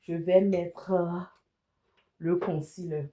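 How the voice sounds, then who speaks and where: A beauty vlogger and image consultant with a slight cold chats casually while unboxing and demonstrating a wig, slipping English words into her speech. Her voice is warm, on the low side, steady, and slow.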